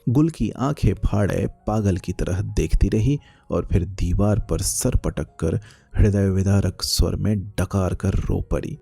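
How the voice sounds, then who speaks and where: A man narrating a literary short story in a slow, measured storytelling manner. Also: sits low, vocal fry, dark tone, husky, faint music behind.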